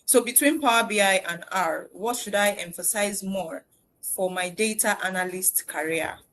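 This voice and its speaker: A woman's voice: mid-range voice, moderate pace, a bit bright, a little hiss or hum, rough recording. Woman reading out audience questions on a video call, a bit hesitant. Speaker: session moderator reading questions. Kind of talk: live online Q&A session.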